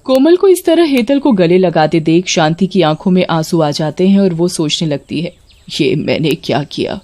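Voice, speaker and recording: A woman narrating a family story in a steady, even way. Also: lowish voice, moderate pace.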